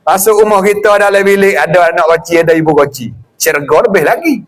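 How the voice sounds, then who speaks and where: A middle-aged man with a Patani Malay accent giving a lively religious lecture, acting out greetings and chuckling often. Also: high voice, quick pace. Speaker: religious teacher.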